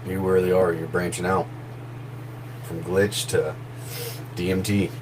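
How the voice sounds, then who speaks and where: Over a noisy background hum, a very deep-voiced man, a voice actor who narrates horror stories, talks a little slowly in casual live stream chat. His manner is relaxed and rambling, and laughter comes easily to him.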